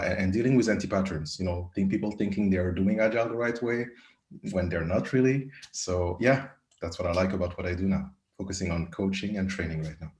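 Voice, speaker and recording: West African male coach, very low voice, hesitant delivery, echoey room. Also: a little mellow. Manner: hesitant, many ums and uhs. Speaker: agile coach. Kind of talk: panel introduction.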